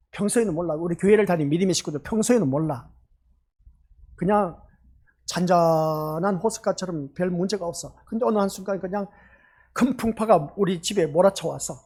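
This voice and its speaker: A man's voice: sits high, a little mellow, breathy edge. A male pastor preaching a Sunday sermon in a church, emphatic and full of rhetorical questions to the congregation. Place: church sanctuary.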